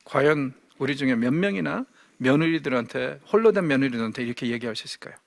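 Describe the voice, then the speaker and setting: A man's voice: medium pitch, expressive, fast, creaky, dry recording. A man giving a Bible lecture, asking his listeners rhetorical questions and acting out quoted speech. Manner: asks the audience rhetorical questions; acts out quoted speech vividly.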